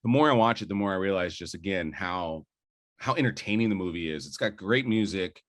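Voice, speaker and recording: A man's voice: deep voice, animated, a little fast, fairly bright tone. A young adult man co-hosting a podcast, debating movies enthusiastically and rambling with fillers and restarts. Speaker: podcast co-host. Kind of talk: casual film debate.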